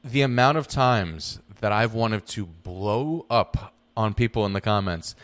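A young man co-hosting a casual podcast, blunt and quick to roast people. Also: lowish voice, fairly bright tone. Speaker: podcast co-host. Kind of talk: casual chat.

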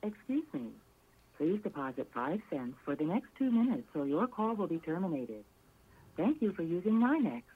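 A woman's voice: on the low side, sing-song, moderate pace, breathy edge. A woman reading a polite scripted announcement, heard as a recorded payphone line message. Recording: tinny old phone line recording.

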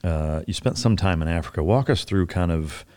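A man's voice: low-pitched, moderate pace, a little mellow, slight background noise. A man hosting a podcast, chatting in a laid-back way with frequent fillers and blunt, casual swearing. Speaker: podcast host. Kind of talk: casual interview chat.

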